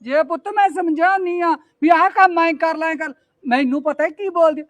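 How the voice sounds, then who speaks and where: Woman playing a shrill nagging mother-in-law. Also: normal speed, no echo. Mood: complaining. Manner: shrill nagging, wailing complaints. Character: scolding suspicious older village mother-in-law. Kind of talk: comic family sketch.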